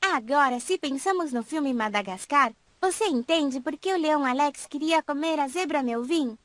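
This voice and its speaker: A woman's voice: high-pitched, moderate pace, a bit bright, no echo. A woman voicing a helpful young schoolgirl in a scripted educational cartoon.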